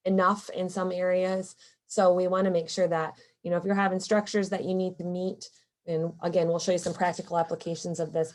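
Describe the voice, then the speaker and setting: A woman's voice: lowish voice, a little mellow. A woman presenting a technical webinar, explaining steadily with frequent fillers. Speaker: concrete paving presenter.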